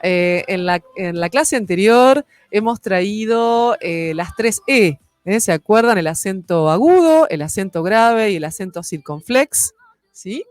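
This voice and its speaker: A woman teaching a French lesson, her pitch rising and falling in a lively, animated way. She explains patiently and keeps checking in with quick tags. The recording is dry and close. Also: no room sound. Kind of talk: online French lesson in Spanish.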